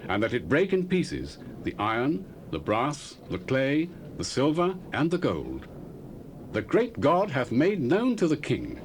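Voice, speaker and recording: In a dramatized scripture reading, an actor plays a young male prophet, declaiming in a solemn, formal, old-fashioned style. His voice is medium-pitched, with a little hiss or hum in the recording.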